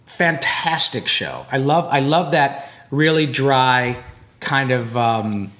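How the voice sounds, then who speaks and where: Speaking slowly at a medium pitch, a guest voice actor tells drawn-out, animated stories during a casual convention-floor interview. He rambles, restarts sentences, and fills gaps with plenty of fillers.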